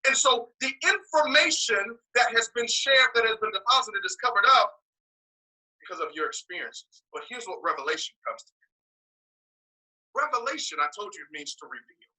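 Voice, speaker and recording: Preaching a morning message to a congregation, a man with a high-pitched, expressive voice uses a husky, breathy grain and a sharp, forceful push on every line at a moderate pace. Emphatic, he repeats key words and slips in joking asides; he was born in the US and raised partly in Nigeria. The recording is rough.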